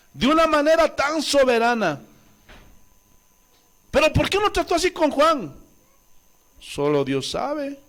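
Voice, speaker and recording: Animated male preacher with a lively high voice. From Bolivia. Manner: animated preaching, acts out voices, asks the congregation questions. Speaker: pastor. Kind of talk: sermon.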